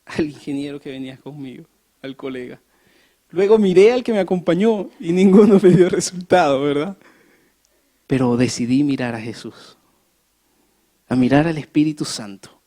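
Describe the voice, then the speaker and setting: A preacher giving a sermon in a church, animated, asking the congregation questions and building emphasis as they tell a story. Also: mid-range voice. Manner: acts out scenes with rising emphasis. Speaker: pastor.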